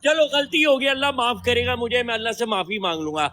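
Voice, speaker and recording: A man's voice: very high-pitched, sharp tone. A man in a heated debate who taunts and mocks his opponent. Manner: mocking, taunting.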